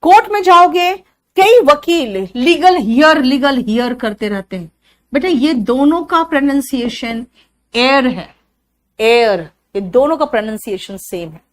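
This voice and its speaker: A woman from Bihar teaching spoken English, drilling each word slowly and calling her students "beta". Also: sits high, animated. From Bihar, India.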